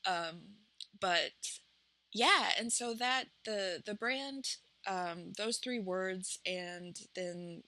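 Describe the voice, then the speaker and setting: A woman from Appalachia with a matching accent, a vlog host who also runs a small business, chats to the camera casually and without a script. Her mid-range voice is pushed and bright, and she talks in a halting, reflective, somewhat self-conscious way. The audio has no echo.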